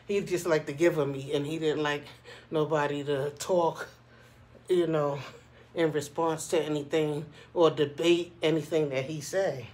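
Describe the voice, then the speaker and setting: A man with a somewhat high voice talks casually, as in a personal vlog. He shares his opinions conversationally and keeps checking that the listener follows him. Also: fairly even intonation, a little slow, a little mellow. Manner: conversational, frequently checking in with "you know what I'm saying". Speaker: vlogger.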